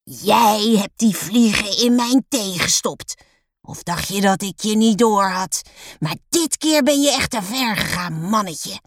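A woman voicing a strict, short-tempered female schoolteacher in a storybook, shrill and shouting. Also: expressive, unhurried, vocal fry, husky, no echo, exaggerated voice. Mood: stern, angry.

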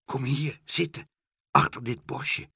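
A man's voice: medium pitch, slow, gravelly, pushed and bright, slightly rough, no echo, studio quality, exaggerated voice. Mr Pen, a man doing a cautious grown-up friend. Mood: hushed.

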